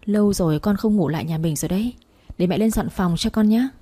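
A woman's voice: mid-range voice, quick pace, dark tone, husky, dry recording, natural voice. A woman voicing a scheming stepmother who sweet-talks her stepson. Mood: fawning. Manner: fawning, sweet-talking. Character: flirtatious scheming stepmother, fawning.

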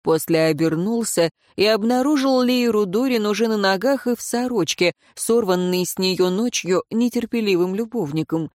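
A woman narrating a fantasy audiobook in a measured, even reading voice. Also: mid-range voice, no room sound, clean studio sound. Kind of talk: scripted narration.

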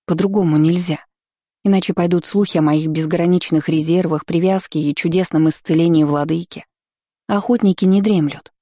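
A woman reading a fantasy novel aloud as a first-person audiobook narrator, in a measured, even storytelling manner. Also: on the low side, no room sound, clean studio sound.

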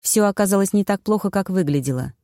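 A woman narrating an audiobook in the first person, with brisk, clear storytelling. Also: medium pitch, lively intonation, warm tone, no room sound, clean studio sound.

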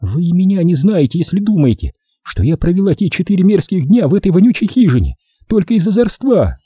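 A fierce, volatile young actress, as a male narrator puts her on, her voice thin, girlish and pushed far above his own. She screams and snaps in a shrill, hysterical way, and her delivery swings widely in pitch. The audiobook reading is dry and close, with no room around it. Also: very animated, a little fast, mellow, breathy edge, no room sound, exaggerated voice. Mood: bitter.

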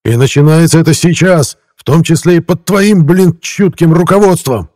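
A man's voice: fairly low pitch, brisk, mellow, no echo, clean studio sound, lightly acted. A man reading the lines of a young man from the future, earnest and explaining, prone to furious outbursts.

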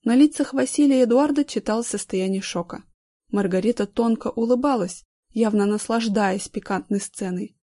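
A woman reading a novel aloud as narrator, with clear, even storytelling. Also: on the high side, moderate pace. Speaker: audiobook narrator. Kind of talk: scripted narration.

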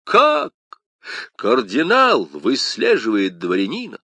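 A hearty, swaggering male musketeer, voiced by a man reading the book aloud booms out his lines, his pitch leaping up and down with excitement. The tone is bright and forceful, in a dry, close sound. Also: slow, dry recording, exaggerated voice. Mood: indignant. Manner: booming, exclamatory, indignant.

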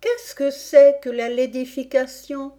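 A woman's voice: sits high, steady tone, a little slow, mellow, pitched above the performer's own voice. A woman voicing a polite, curious little girl in a storybook reading, in a raised, prim and questioning voice.

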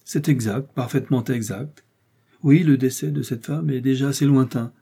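A male audiobook reader voicing a calm doctor who gives short, measured answers. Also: mid-range voice, breathy edge, pitched above the performer's own voice. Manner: brief, measured replies.

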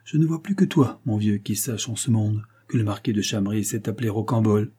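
Man voicing a young bandit, scheming, mocking, carefree, husky, dark, audiobook character. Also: fairly low pitch, fairly quick.

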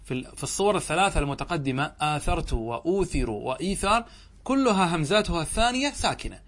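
Man teaching grammar, slow and questioning. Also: fairly high pitch, very animated, a bit bright. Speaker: sheikh teaching Arabic grammar. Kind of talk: classroom lesson explaining a grammar text.

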